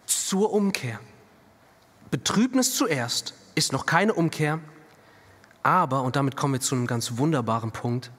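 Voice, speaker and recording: A middle-aged male pastor preaching a sermon, animated, moving between hushed and emphatic delivery. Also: fairly high pitch. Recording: long reverb of a church hall.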